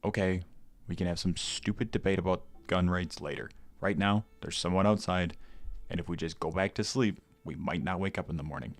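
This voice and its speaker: A blunt, skeptical young boyfriend talks matter-of-factly, as a male narrator plays him. His voice sits deep and low with a dry, close sound. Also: fairly quick, no room sound.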